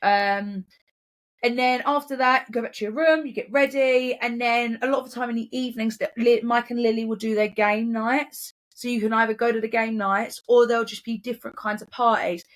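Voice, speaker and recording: A woman's voice: fairly high pitch, fairly even intonation, fairly quick. A woman co-hosting a podcast, chatting casually and giggling often. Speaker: podcast co-host. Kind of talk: casual chat.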